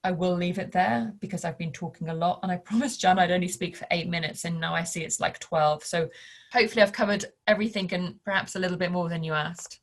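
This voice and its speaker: A woman's voice: on the low side, quick pace. A woman giving a conference address as a speaker from the news industry.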